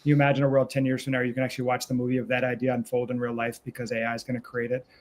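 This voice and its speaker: A man's voice: mid-range voice, completely flat delivery, very fast, slight background noise. A man in a casual group discussion, speaking earnestly and reflectively.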